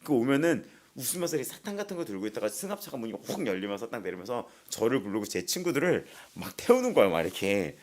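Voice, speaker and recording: A man's voice: medium pitch, quick pace, hardly any pauses. A man preaching an early-morning sermon as a pastor, telling personal stories with laughter and acting out the voices of others. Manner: animated storytelling with frequent laughter; acts out quoted voices.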